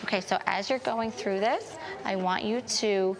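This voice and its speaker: A woman's voice: mid-range voice, a little slow. A woman teaching a fourth grade writing lesson, encouraging and calling students sweetie. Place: classroom with students around. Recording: chatter of a busy classroom.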